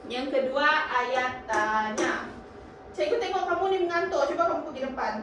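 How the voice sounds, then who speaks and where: A young woman with a high voice plays a bossy, scolding teacher, walking her pupils through grammar. She is heard from a distance in an echoey classroom, with steady background noise. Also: normal speed. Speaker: teacher in a role-played class. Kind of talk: micro-teaching role-play.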